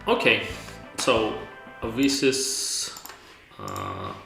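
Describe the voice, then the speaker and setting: A man's voice: lowish voice, wildly swooping pitch, drawn-out words, vocal fry. A man giving casual live-stream commentary, hesitant and thinking aloud in non-native phrasing. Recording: roomy echo with music behind. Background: game music.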